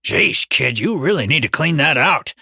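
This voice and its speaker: Lady doing a gravelly little roach dude, bossy and panicky, super sharp and bright. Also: deep voice, expressive, normal speed, no echo, clean studio sound, full character voice. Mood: gruff. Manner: brash, bossy, shrieks in panic. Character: bossy panicky male talking cockroach. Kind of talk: audiobook character voice.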